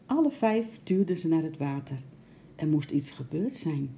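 Low, gravelly woman reading a story. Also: moderate pace, slight background noise. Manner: gentle, expressive storytelling. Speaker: narrator.

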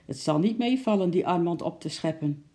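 A calm, practical older zookeeper from a children's story, grumbling his words, as the narrator voices him. The voice is dark and gravelly. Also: medium pitch, a little fast, close to an everyday voice.

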